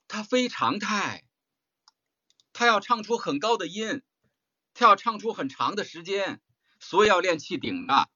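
A man's voice: high-pitched, bright, forceful tone, dry recording, lo-fi sound. A man teaching audiobook performance in a workshop, talking bluntly and emphatically, firing rhetorical questions at his students. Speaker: voice-acting teacher. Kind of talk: spoken workshop lecture.

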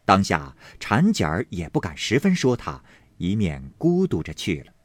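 Husky man reading a classic tale expressively. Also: sits low, wildly swooping pitch, moderate pace, dry recording. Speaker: narrator. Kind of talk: storytelling reading of a classic novel.

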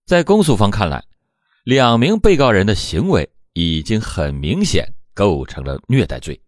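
A man's voice: fairly low pitch, very animated, normal speed, no echo, clean studio sound. A man hosting a true crime storytelling show, narrating a court case from a script with dramatic emphasis at the start of phrases.

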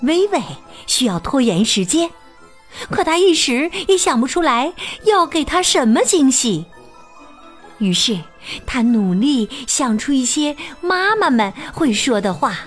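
A woman teacher reading a children's picture book aloud, expressive and sing-song with plenty of exclamations. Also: high voice, unhurried, faint music behind. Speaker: storyteller teacher.

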